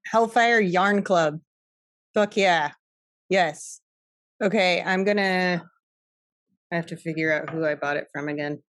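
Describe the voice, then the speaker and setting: A woman's voice: fairly low pitch, a little slow, pauses often. A woman co-hosting a podcast in a studio, joking bluntly and swearing casually. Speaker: podcast co-host. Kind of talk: casual chat.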